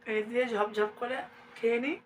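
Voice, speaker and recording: A woman's voice: a little high, steady tone, fairly quick, slight background noise. Chatty Bengali woman vlogging from home. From India. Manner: chatty, addresses viewers as friends; speaks softly at times so her sleeping daughter is not woken. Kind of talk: casual daily vlog narration. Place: at home, indoors.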